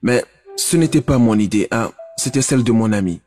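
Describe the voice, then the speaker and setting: An actor playing a nervous, apologetic grown son, in a French-dubbed film drama, hesitant with many fillers. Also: male voice, mid-range voice, lively intonation, a little fast, darkish tone, soft background music, natural voice. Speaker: son who faked his own kidnapping.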